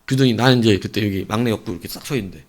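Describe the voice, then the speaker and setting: A man preaching an evening sermon as pastor, telling a personal story with sudden swings between loud and hushed delivery. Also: on the low side, very fast. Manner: acts out voices of people in his story.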